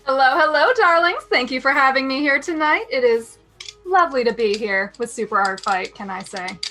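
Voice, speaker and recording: A woman's voice: high-pitched, lively intonation, moderate pace, sharp tone, faint music behind, full character voice. A woman playing a glamorous rave-diva persona, airy and dramatic, over a remote call. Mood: gracious. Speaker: competing artist.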